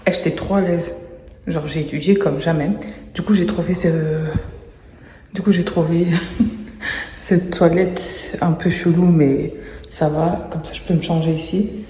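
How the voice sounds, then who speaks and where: A woman's voice: fairly low pitch, steady tone, a little slow, pauses often, warm tone, slight background noise. Chatty woman in a roomy space. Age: late 20s. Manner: chatty, slangy storytelling. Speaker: vlogger and university student. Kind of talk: casual vlog talk to camera. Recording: roomy echo.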